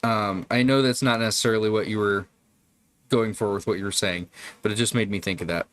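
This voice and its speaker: A man's voice: lowish voice, steady tone, a little fast. A man hosting a casual livestream, chatting with viewers in a rambling, profane way. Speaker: livestream host. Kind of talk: casual live-stream chat.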